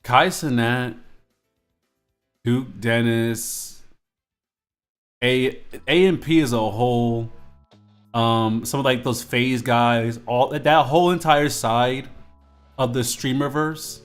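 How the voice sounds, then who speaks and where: This male streamer, in his twenties, talks slowly in a steady, medium-pitched voice, leaving long pauses as he draws live. His chat is loose and rambling, with many fillers and restarts, and faint music sits in the background.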